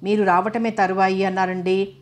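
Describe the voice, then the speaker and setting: A woman's voice: mid-range voice, level tone, normal speed, lightly acted. Woman doing a chatty village servant. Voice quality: plain dialect, rambling.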